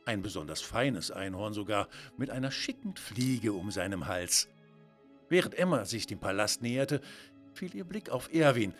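A man gently and expressively narrating a children's bedtime story. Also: fairly low pitch, animated, normal speed, faint music behind.

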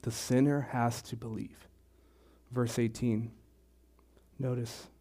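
Male pastor, slow measured sermon delivery, repeats phrases, mid pitch. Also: steady tone, darkish tone. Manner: slow, deliberate preaching with repetitions. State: throat clearing, choked up.

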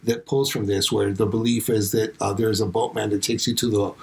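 A man's voice: on the low side, brisk, creaky. A man in casual conversation, talking about making a music video, acting out quotes as he tells stories. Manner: animated storyteller, acts out quotes. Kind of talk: casual chat.

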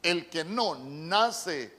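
A male pastor preaching a sermon, slow and deliberate, repeating key words as he teaches from the Bible. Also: a little high, animated, bright, forceful tone. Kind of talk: sermon with Bible word study.

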